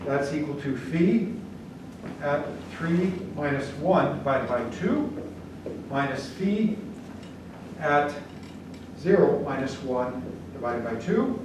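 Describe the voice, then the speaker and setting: An older man, German by first language, lectures on statistics at a whiteboard slowly and expressively, with a high-ish voice and frequent pauses. He's casual and blunt, regularly checking in with the class. A camera at the back recorded it, so the audio is distant, echoey, and noisy.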